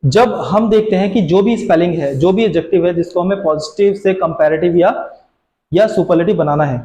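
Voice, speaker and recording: A man's voice: sits high, a little fast, mellow, roomy sound, muffled recording, slight background noise. A man teaching an English grammar lesson to students, explaining patiently and answering his own questions.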